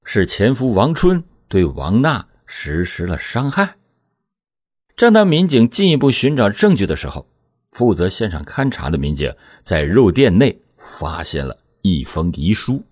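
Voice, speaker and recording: Man, true crime narrator, low pitch, very wide swooping intonation, suspenseful scripted delivery, dry close sound. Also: big pitch swings, unhurried, darkish tone, husky, no echo.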